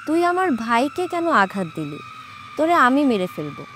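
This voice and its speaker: A woman voicing an angry male jinn possessing a young man in a horror audiobook, shouting threats and later pleading tearfully. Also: high voice, big pitch swings, normal speed, soft background music. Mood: furious. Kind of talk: audiobook character voice.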